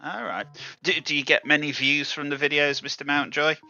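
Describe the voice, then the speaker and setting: A man's voice: a little high, steady tone, a little fast, gravelly, sharp tone, lo-fi sound. A man casually hosting a live viewer contest, chatting politely and addressing people directly. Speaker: livestream host of a slot-machine contest.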